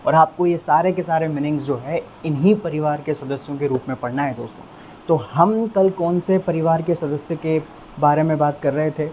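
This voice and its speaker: Mellow-voiced male vocabulary teacher. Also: on the high side, a little hiss or hum. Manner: calls listeners friends, repeats words slowly for drill; conversational, with frequent fillers. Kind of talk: explanatory online lesson.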